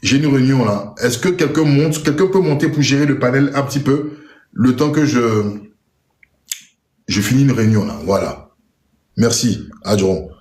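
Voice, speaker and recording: A man from Côte d'Ivoire with an Ivorian accent, hosting a live audio panel in a relaxed, chatty way. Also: medium pitch, normal speed, roomy sound. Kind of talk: casual live chat.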